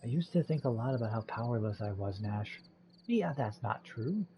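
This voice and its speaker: A man voicing a calm, earnest young female mage heir. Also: mid-range voice, moderate pace, lo-fi sound, slight background noise, natural voice.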